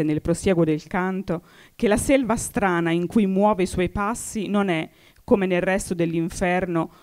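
A woman reading a scholarly introduction aloud in a formal, measured way, slowing down for quoted lines of verse. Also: lowish voice, darkish tone. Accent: Italian. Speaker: reader of an introduction.

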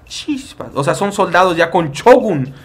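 A man's voice: high-pitched, very animated, unhurried. A man with a Mexican accent giving playful, joking commentary over a battle-simulation game, full of exclamations. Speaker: gaming YouTuber. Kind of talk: excitable gameplay commentary.

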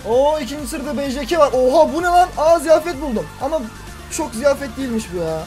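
Man, gaming commentary, high voice, rapid-fire, excitable, talks to himself. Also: faint music behind. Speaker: gaming YouTuber. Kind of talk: let's-play commentary.

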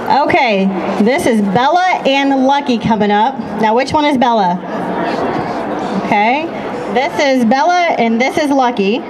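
A woman's voice: high-pitched, expressive, unhurried. A woman emceeing a pet talent contest on an arena stage, talking into a handheld mic with upbeat announcer patter. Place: large indoor arena stage. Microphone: handheld microphone over a PA. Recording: loud crowd and hall noise, far camera.

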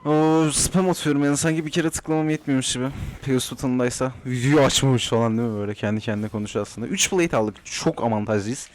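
A man's voice: mid-range voice, fast, hardly any pauses. Young man chatting over gameplay. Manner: chatty, talks to himself, teasing opponents. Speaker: gaming YouTuber. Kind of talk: live gameplay commentary.

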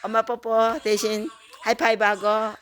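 A woman's voice: on the high side, level tone, moderate pace, fairly bright tone. An older woman, a grandmother, reading a picture book aloud to a small child in a playful, coaxing way, imitating animal sounds.

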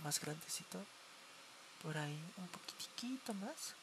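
A man's voice: sits high, expressive, a little slow, noisy background. A young man with a Mexican accent, chatting playfully on a live stream, dramatic and given to swearing. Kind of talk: casual live stream chat.

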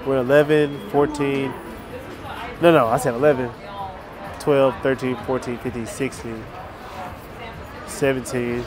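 A man with a mid-pitched voice talks slowly as he gambles at a craps table. He counts chips out loud and repeats short phrases to root for numbers. Music plays clearly behind him. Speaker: craps player.

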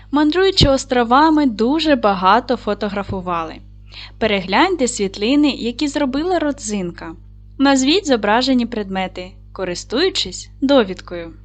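A woman teaching an online lesson to young schoolchildren, speaking slowly and clearly in an encouraging classroom manner. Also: on the high side.

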